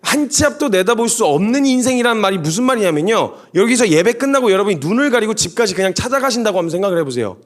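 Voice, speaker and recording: A man preaching a sermon to young adults, animated and storytelling with humorous asides. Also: high voice, quick pace, hardly any pauses.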